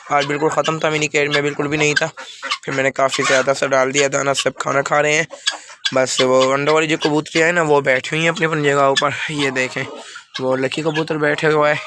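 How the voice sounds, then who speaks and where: Feeling feverish and unwell, a young vlogger with a Pakistani Urdu accent chats in plain, rambling fashion to viewers as he feeds the birds in his rooftop enclosure outdoors. His voice is a little high, and background noise mixes with clucking chickens and birds.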